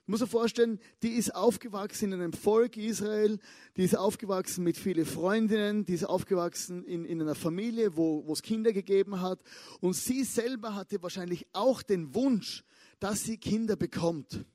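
A young man giving a lively, casual sermon, chatting with asides and stretching key words slowly for emphasis. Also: sits high, dry recording, clean studio sound. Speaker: pastor.

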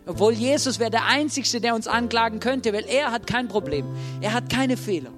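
Over background music, a man with an extremely high, lively voice preaches an informal sermon at a normal speed. He talks casually and directly to the congregation, addressing listeners as "du" and acting out quotes.

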